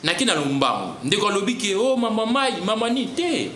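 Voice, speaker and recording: Emphatic guest, lively pitch. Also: male voice, normal speed, reverberant, a little hiss or hum. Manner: emphatic, mixes French and Lingala. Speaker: debate guest. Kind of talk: heated studio debate.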